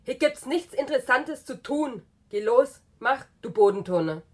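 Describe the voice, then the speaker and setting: A woman's voice: sits high, lively intonation, moderate pace, voice pushed up. A woman voicing a rude, aggressive male priest who scolds in coarse slang. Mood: hostile.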